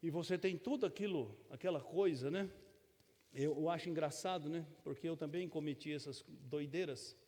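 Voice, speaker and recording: This middle-aged Brazilian pastor speaks on the high side, with a warm tone and a normal pace. Preaching in a church sanctuary, he sounds conversational and homespun, adding humor and often ending lines with tag questions. Long reverb from the church fills the recording.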